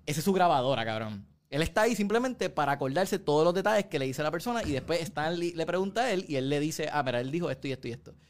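A man's voice: on the high side, quick pace, few pauses. A man, animatedly retelling a show's plot in casual chat and mixing in English words. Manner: animated storyteller, mixes English into Spanish.

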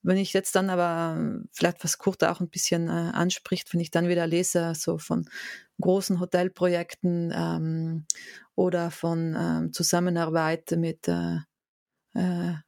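South Tyrolean woman, hesitant and lowish. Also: flat delivery, a little slow, creaky, darkish tone, dry recording, clean studio sound. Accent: South Tyrolean German. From South Tyrol, Italy. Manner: hesitant, many fillers and restarts. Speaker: guest, head of a bike hotel association. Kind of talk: casual interview talk.

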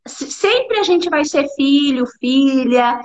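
A woman's voice: high voice, expressive, slow pace, lo-fi sound. A woman in her forties, a clinical nutritionist, telling her story in an interview and acting out the dialogue she quotes. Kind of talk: interview conversation.

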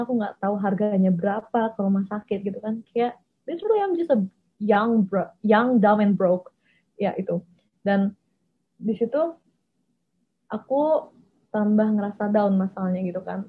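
A young woman candidly telling her personal story in a casual way, often mixing English phrases into her talk. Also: medium pitch. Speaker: vlogger. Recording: tinny phone-like audio.

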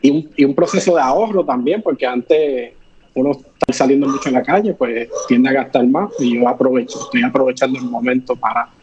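Born in Chicago and partly raised in Puerto Rico, this native English-speaking man talks fairly quickly in a medium, slightly mellow voice as a guest in a casual live interview chat. He rambles with lots of fillers and restarts and laughs a lot; the recording cuts off the highs and has a little hiss or hum.

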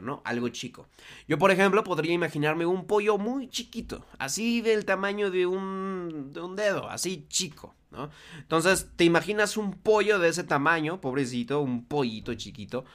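A man gives a relaxed, conversational lesson in a slightly raised voice. He keeps it friendly and encouraging, checking in with the listener through frequent rhetorical questions. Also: a little high. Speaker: language teacher. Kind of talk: casual explanatory lesson.

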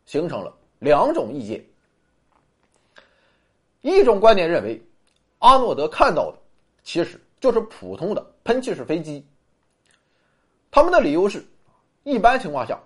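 A narrator delivering a scripted documentary in a dramatic, suspenseful true crime storytelling manner, with a husky voice. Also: medium pitch.

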